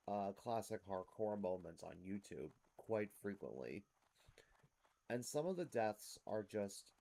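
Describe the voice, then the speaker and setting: A man with a fairly low voice hosts a gameplay series. He talks casually and explains things step by step as he speaks directly to his viewers. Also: warm tone. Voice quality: rough smoker's-type cough.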